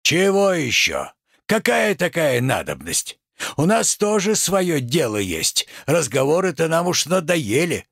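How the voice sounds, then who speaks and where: A man's voice: on the high side, very animated, a little slow, gravelly, fairly bright tone, no echo, clean studio sound, full character voice. A man reading a play aloud, voicing a shrewd, stubborn merchant who talks with sly, homespun deference.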